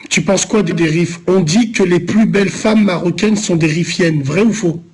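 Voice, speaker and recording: Man from Lyon, high voice, husky, street slang, rambling teasing live-stream chat. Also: normal speed, a little mellow. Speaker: live streamer answering viewers.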